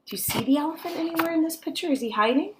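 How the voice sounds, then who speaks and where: Against a noisy background, a woman teacher reads a picture book to children in an extremely high voice. She is expressive and coaxing, and she pauses to ask the kids questions.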